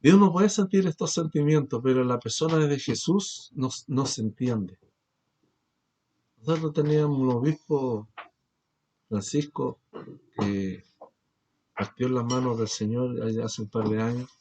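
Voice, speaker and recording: A man preaching a sermon as pastor, asking rhetorical questions and swinging between loud emphasis and quiet, low passages. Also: a little slow, long pauses. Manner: preaching with rhetorical questions, rising and falling in force.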